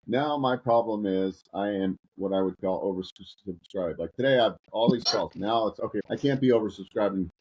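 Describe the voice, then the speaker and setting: A man co-hosting a casual podcast, steady and reflective as he shares advice. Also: lowish voice, normal speed, few pauses, husky, poor audio. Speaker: co-host.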